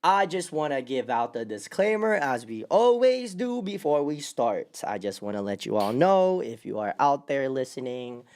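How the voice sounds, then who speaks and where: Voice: medium pitch, big pitch swings, moderate pace, hardly any pauses, darkish tone. A host of a casual livestream podcast, playful and hyped, laughing often and joking with the crew.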